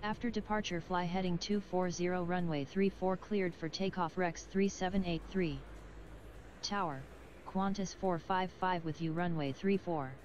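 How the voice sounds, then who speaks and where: A woman voicing a calm pilot over the radio. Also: fairly low pitch, normal speed. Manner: clipped, formulaic readbacks. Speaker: airline pilot reading back clearances. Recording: lo-fi radio with clear noise.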